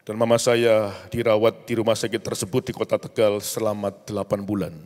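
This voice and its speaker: A man's voice: lowish voice, flat delivery, brisk, darkish tone. A man preaching, telling a personal story with emotional rises. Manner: storytelling, rising into emotional outbursts. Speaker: pastor. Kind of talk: sermon testimony. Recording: long hall reverb.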